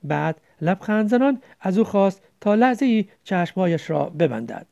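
Gravelly woman reading a story aloud. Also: medium pitch, expressive, dark tone. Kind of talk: scripted story narration. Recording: dull lo-fi recording.

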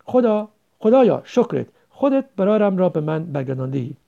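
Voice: medium pitch, big pitch swings, creaky, dark tone. Narrator doing an emotional young village wife. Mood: tearful. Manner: earnest, emotional pleas. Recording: dull lo-fi recording.

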